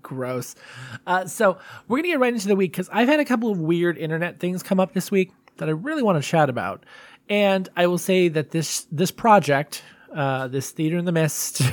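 A man's voice: on the high side, no echo. A man hosting a solo podcast in a casual, confessional way, rambling and self-deprecating. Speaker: podcast host.

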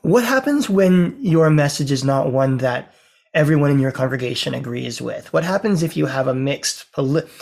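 A man's voice: on the high side, creaky, darkish tone. A man from the American South, a rabbi himself, interviewing a guest in a conversational way and asking open questions. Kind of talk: casual interview.

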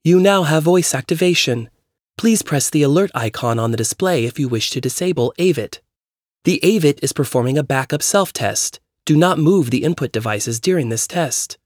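A man reading as a calm robotic car voice. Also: on the high side, moderate pace, no echo, studio quality, pitched above the performer's own voice. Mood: instructional. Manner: even, instructional, formal.

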